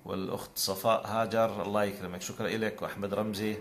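A man's voice: on the low side, level tone, fast talker, slight background noise. A man with a Jordanian accent hosting a live call-in broadcast, greeting viewers one by one with blessings. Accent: Jordanian Arabic. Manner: warm religious blessings, conversational. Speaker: call-in show host.

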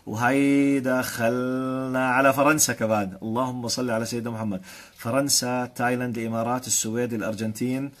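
A man from Jordan with a Jordanian accent, hosting a live stream and greeting viewers one by one with blessings and frequent chuckles. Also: mid-range voice. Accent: Jordanian Arabic. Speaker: host.

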